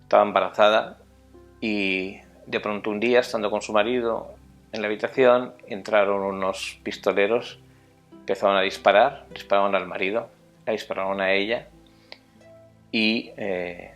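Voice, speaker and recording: Gravelly low-voiced male host narrating. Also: fairly even intonation, moderate pace, a bit bright, faint music behind. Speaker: channel host introducing clips. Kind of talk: scripted narration.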